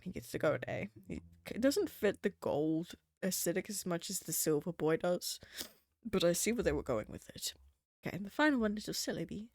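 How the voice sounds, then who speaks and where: A woman's voice: mid-range voice, creaky, dry recording, studio quality. A young adult woman streaming, chatting casually in a rambling, profane way, full of fillers. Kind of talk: casual livestream chat.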